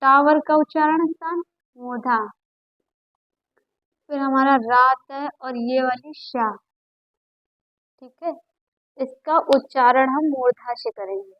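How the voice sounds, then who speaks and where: High-voiced, slow, patient woman teacher. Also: steady tone, lo-fi sound. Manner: patient, repeats sounds aloud for students to copy. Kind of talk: classroom lesson on Hindi phonetics.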